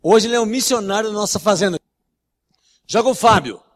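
Man, Brazilian Portuguese accent, pastor, sermon, blunt, emphatic, high voice, long hall reverb. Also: fairly quick. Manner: emphatic, repeats phrases, blunt storyteller. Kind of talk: sermon with anecdotes.

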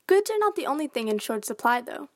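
A woman's voice: high voice, sing-song, quick pace. A sixteen-year-old girl as a student reporter, reading narration and asking interview questions. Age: teens.

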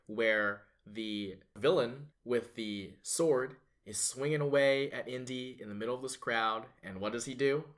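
A man's voice: medium pitch, a little slow, few pauses, a bit bright. A man co-hosting a casual legal podcast, recapping a movie plot with enthusiastic build-up. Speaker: podcast co-host, lawyer.

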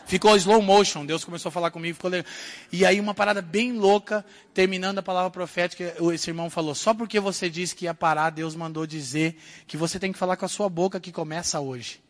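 A man from Brazil giving an animated sermon testimony, swinging from hushed asides to loud outbursts. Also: high voice, fast talker. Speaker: preacher telling his testimony.

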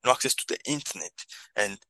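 A man's voice: fairly low pitch, animated, quick pace, bright, forceful tone, dry recording, rough recording. A man with a Congolese accent speaking earnest, non-native English as he gives reflective answers as a podcast guest. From Democratic Republic of Congo. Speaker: podcast guest, social entrepreneur.

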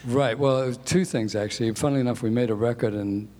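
The speaker is a music executive in his sixties, born in England and brought up in New Zealand, appearing as a guest in a conversational interview. He covers his career quickly and self-deprecatingly, with a medium-pitched, dark voice. The sound is that of a big room.

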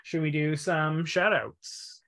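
A man co-hosting a casual book-club podcast, talking in a relaxed, hesitant way with restarts. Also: a little high, slow pace. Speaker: podcast co-host.

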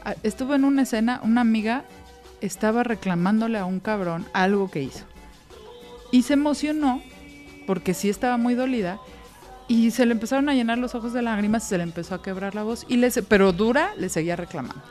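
A woman's voice: a little high, a little fast, darkish tone, faint music behind. A woman with a Mexican accent hosting a podcast in casual chat, emphatic and swearing freely. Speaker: podcast host.

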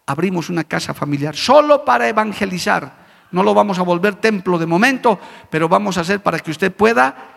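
Gravelly high-pitched preaching man. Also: lively intonation, fairly quick, a bit bright, long reverb tail. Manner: preaching earnestly, addressing listeners as brother. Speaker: pastor. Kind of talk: sermon.

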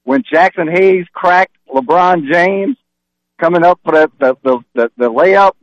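A man's voice: high voice, unhurried, lo-fi sound. A male sports caller from Louisiana in casual chat, rambling and trash-talking about basketball.

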